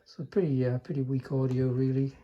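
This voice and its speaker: On lo-fi audio, an older man with a medium-pitched, level voice talks briskly while demonstrating a restored chassis. The radio repairer keeps things casual and hands-on, hesitant and understated, his remarks trailing off.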